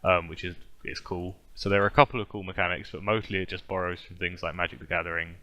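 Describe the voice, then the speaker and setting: A man's voice: low voice, level tone, quick pace, bright, forceful tone. A young man chatting casually on a podcast, rambling and laughing often. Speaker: podcast regular. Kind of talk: casual chat.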